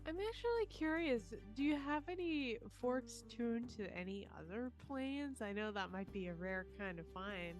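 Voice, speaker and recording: Higher-pitched woman at a tabletop game. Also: lively intonation, normal speed, hardly any pauses. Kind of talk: casual game chat. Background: faint music.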